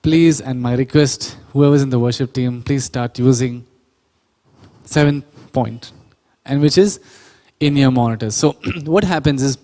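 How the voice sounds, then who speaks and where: A man leads a hands-on sound engineering class, explaining patiently and pausing to quiz his listeners. His voice is mellow and of middling pitch. It rings with the long reverb of a large hall. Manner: explanatory, self-correcting, asks the audience questions. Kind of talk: classroom workshop lecture. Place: church hall or auditorium.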